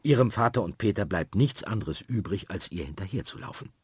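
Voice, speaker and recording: A man reads a children's story aloud with a lively, swinging melody. His voice sits low and husky, and the sound is dry and close. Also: brisk, dry recording. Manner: lively and expressive.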